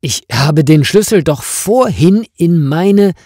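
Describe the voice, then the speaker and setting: A man's voice: lively intonation, takes it slowly, mellow, no echo, clean studio sound. A man reading a story voices an upset wife hunting for her lost handbag, in a raised, agitated voice. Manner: pitched up high, agitated and pleading.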